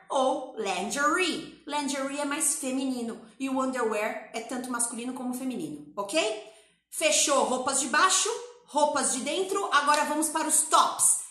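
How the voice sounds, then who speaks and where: Bright, high-voiced Brazilian woman teaching. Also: roomy sound. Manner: energetic, chatty, repeats phrases with mimicry. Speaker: English teacher. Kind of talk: lively classroom-style language lesson.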